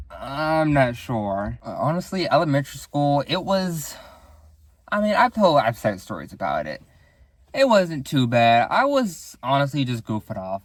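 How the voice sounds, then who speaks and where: A man's voice: mid-range voice, no room sound, studio quality. Laid-back young man telling stories solo. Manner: laid-back, laughs often, swears casually, acts out quoted voices. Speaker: podcast host. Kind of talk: casual solo storytelling.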